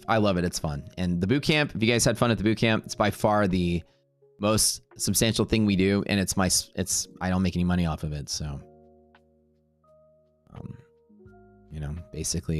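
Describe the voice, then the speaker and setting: Casual male stream host, very low voice, chatty and digressive, soft music bed. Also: brisk. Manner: rambling, talkative, laughs often. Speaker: live trading stream host. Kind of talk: casual live-stream chat.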